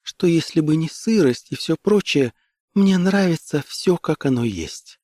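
A male audiobook reader putting on a young woman's voice, soft, gentle and raised in pitch. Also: expressive, measured pace, no room sound, clean studio sound. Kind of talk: audiobook character voice.

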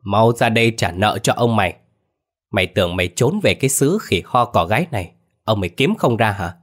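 A man's voice: lowish voice, animated, a little fast, fairly bright tone. A man voicing a bullying bald male gang boss who barks threats. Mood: angry yelling. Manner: barking, threatening.

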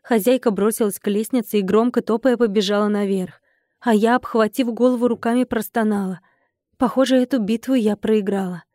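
Woman reading an audiobook, wry and lively, totally dry close mic. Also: fairly high pitch, a little fast, no room sound. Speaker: audiobook narrator. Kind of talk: first-person audiobook narration.

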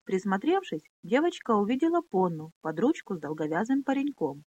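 A woman narrating a fantasy novel as an expressive audiobook reading. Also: mid-range voice, brisk, dry recording, highs cut off. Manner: expressive, animated.

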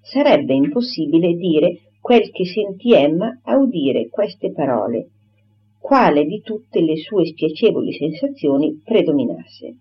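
A woman reading a classic novel aloud in a measured, literary narration. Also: lowish voice, sing-song, slightly rough. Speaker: audiobook reader. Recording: dull lo-fi recording.

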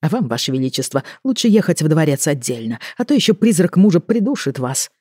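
A woman reading an audiobook, voicing a composed male courtier who speaks quietly and evenly. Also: low voice, very animated, fast, breathy edge, no room sound, studio quality, exaggerated voice. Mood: cool.

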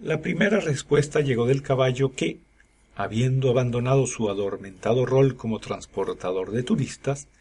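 Husky male storyteller. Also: mid-range voice, a little mellow. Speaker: podcast narrator. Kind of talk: scripted narration.

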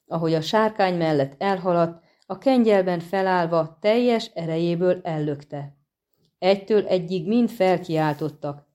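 A woman reading a fantasy novel aloud as an audiobook narrator, in steady, even storytelling. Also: on the low side. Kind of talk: scripted narration.

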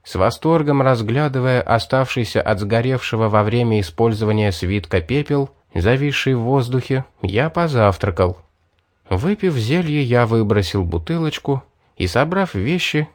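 A man narrating an audiobook in first person, telling the story in a lively, cheerful way. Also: medium pitch, moderate pace, dry recording, clean studio sound.

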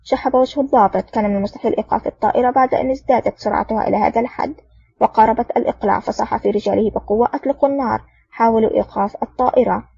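A woman narrating an audiobook in a steady storytelling manner. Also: on the high side, racing, gravelly, husky, dry recording, recorded from a distance. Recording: dull lo-fi audio.

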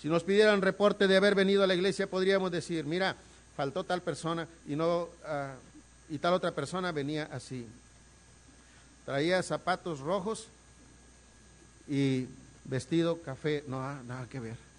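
A man preaching a sermon as pastor, swinging from quiet asides to loud, emphatic calls and repeating words for emphasis. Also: fairly high pitch, fairly even intonation, moderate pace, pauses often.

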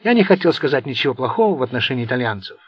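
A man's voice: sing-song, rapid-fire, breathy edge, no echo. A man doing a screaming, hysterical mob boss. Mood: irritable. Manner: shouting, shrill insults. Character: furious hysterical male crime boss, quick to scream.

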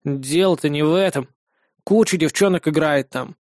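A man's voice: fairly high pitch, fast, darkish tone, no echo, clean studio sound, natural voice. A man voicing a timid male octopus friend who speaks hesitantly and sounds unsure of himself.

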